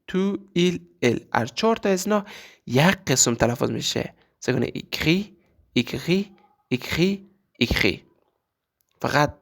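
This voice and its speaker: A man teaching a language lesson, repeating example words slowly and drawn out. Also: medium pitch, vocal fry. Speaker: French teacher.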